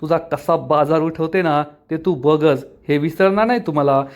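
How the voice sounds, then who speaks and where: A man's voice: fairly high pitch, normal speed, close to an everyday voice. A man voicing a spiteful middle-aged aunt who scolds and curses. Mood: scolding. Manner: scolding, taunting.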